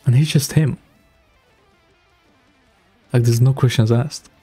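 Taking it slowly with fairly even intonation, a young adult man gives laid-back, slangy live reactions as a streamer. His mid-range voice is mellow and slightly rough, picked up with no room sound by a close broadcast mic on a boom arm in a small home room. Music from the video on his screen plays in the background.

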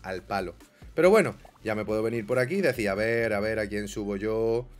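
A young man doing casual gameplay commentary, swinging grumbling mutters to excited yelps. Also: lowish voice, brisk, faint music behind. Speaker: gaming YouTuber.

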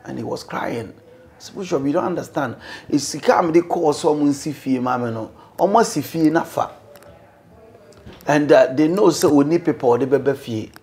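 A middle-aged Ghanaian man, a bishop, talking as an interview guest in a room, mixing English and Twi, animated and preacherly. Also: on the high side, moderate pace. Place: indoor living room, seated on sofa.

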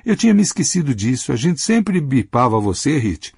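A man's voice: mid-range voice, very animated, normal speed, vocal fry, a little mellow, slightly rough, no room sound, studio quality, voice pushed up, heavily acted. A male audiobook reader voicing an amused adult woman, an old friend, raising his voice to suggest her.

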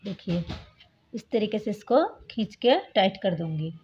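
A woman hosting a step-by-step knitting tutorial, calmly explaining each stitch and often addressing her viewers as friends. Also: mid-range voice, unhurried, dull audio, soft background music. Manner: patient, repeats "look, friends" while demonstrating. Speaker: craft tutorial host.

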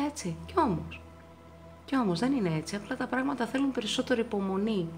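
A woman giving a pick-a-card tarot reading to her viewers, reassuring them and repeating words for emphasis, her pitch swinging up often. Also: creaky.

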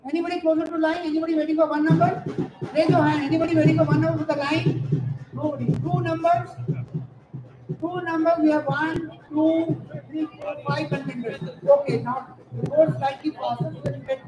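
A middle-aged Indian man with a very high voice calls bingo at an outdoor evening Diwali party in front of a stage, announcing numbers digit by digit, drawing them out and using rhyming nicknames. He speaks a little fast into a microphone. The event PA is echoey, with loud music behind him.

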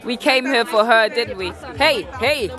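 A woman's voice: fairly high pitch, a little slow. A young woman vlogging at a party, bubbly and laughing, talking into a handheld camera. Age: young adult. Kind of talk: casual party vlog. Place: crowded party with loud music. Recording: loud music and crowd behind. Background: loud music, party crowd.

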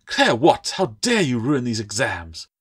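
A man's voice: mid-range voice, wildly swooping pitch, a little fast, pitched above the performer's own voice. A man reading an audiobook voices a harsh, strict middle-aged schoolmistress who snaps and scolds haughtily. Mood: outraged.

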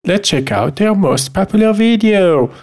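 A man's voice: high voice, expressive, unhurried, darkish tone. A man hosting a reaction video, commenting in a casual, mocking, jokey way.

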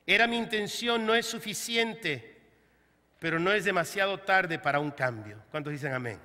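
A man's voice: high-pitched, lively intonation, normal speed, bright, forceful tone. A man preaching a sermon as pastor, telling humorous stories and acting out the voices of the people he quotes. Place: church hall. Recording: church hall reverb.

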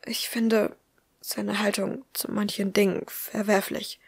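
A woman voicing a shy, guarded seventeen-year-old girl who speaks quietly, often in a whisper, in an audiobook reading. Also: medium pitch, flat delivery, slow pace, breathy edge, no echo, studio quality.

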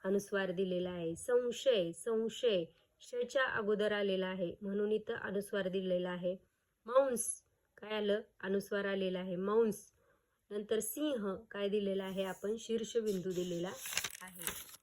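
A woman's voice: medium pitch, fairly even intonation. A woman teacher giving a grammar lesson to schoolchildren, sounding out syllables one by one and asking questions back to the class. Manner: slow, syllable-by-syllable drilling with repeated questions.

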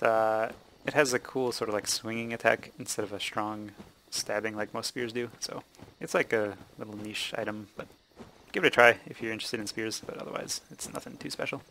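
A man hosting a let's play, explaining the game casually with many fillers and pauses. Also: mid-range voice, gravelly, slight background noise, low-quality recording. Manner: relaxed, explaining with many ums and uhs. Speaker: gaming channel host.

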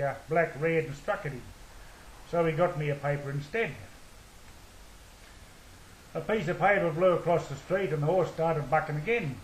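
An older man with an Australian accent, a retired drover telling a story from his life in an unhurried, folksy way. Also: on the high side, reverberant, a little hiss or hum, rough recording. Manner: unhurried yarn-spinning with folksy asides. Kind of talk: spoken memoir storytelling.

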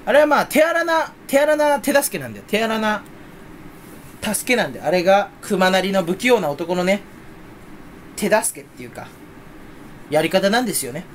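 A young man talks on his own in a rambling, playful way, teasing himself as he goes. His voice sits high and swings widely in pitch. A faint ambient hum runs under the recording. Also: very animated, moderate pace, long pauses. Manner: rambling, playful, self-mocking; mock Kansai dialect in quoted bits. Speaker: streamer. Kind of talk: solo casual chat.

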